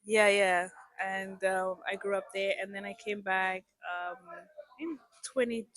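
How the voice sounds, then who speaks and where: A young woman from South Africa, English her first language, speaks as an interview guest. Her talk is casual and hesitant, full of ums and restarts, at a middling pitch. The sound is dry with no room echo. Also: steady tone, measured pace, a bit bright.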